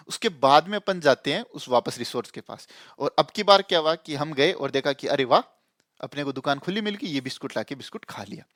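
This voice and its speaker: A man teaches a coding lesson in a relaxed, conversational way. His voice sits a little high and the recording is dry and close. He repeats key ideas and often asks if the listener understands. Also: dry recording. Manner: explains with repetition and frequent checks on the listener. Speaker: programming tutor. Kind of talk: casual explanatory lesson.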